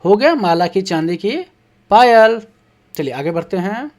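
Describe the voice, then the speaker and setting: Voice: medium pitch, big pitch swings, brisk, darkish tone. A teacher patiently explaining a children's textbook lesson, reading each question aloud, answering it, and breaking words into syllables. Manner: reads questions aloud, then answers them.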